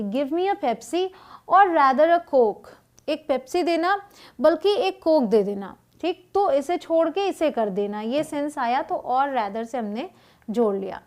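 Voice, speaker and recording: A woman teaching an English grammar lesson, reading example sentences slowly and deliberately and checking in with quick asides to her students. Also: high-pitched.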